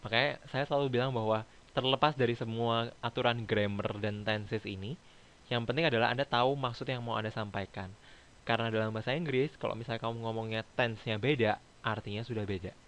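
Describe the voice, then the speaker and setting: A man's voice: mid-range voice, fairly even intonation, a little fast, fairly bright tone, smooth. A man teaching English grammar in a casual lecture, explaining step by step and acting out short example dialogues. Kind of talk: online class lecture.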